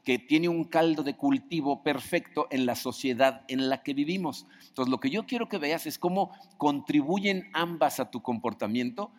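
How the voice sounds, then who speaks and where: A man preaches a conversational sermon, frequently putting questions to his audience and acting out quoted voices. His voice is on the high side, at a moderate pace with hardly any pauses, and a long hall reverb surrounds it.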